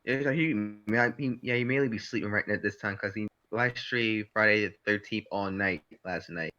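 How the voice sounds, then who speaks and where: A man's voice: on the low side, normal speed, bright, forceful tone, dull audio. A man chatting casually with a friend on a stream, laughing his way through his stories. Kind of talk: casual chat.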